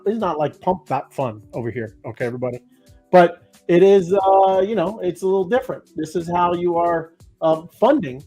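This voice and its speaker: A man's voice: high voice, darkish tone, breathy edge. A man co-hosting a crypto livestream, rambling in casual chat with many fillers and restarts. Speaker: crypto show co-host.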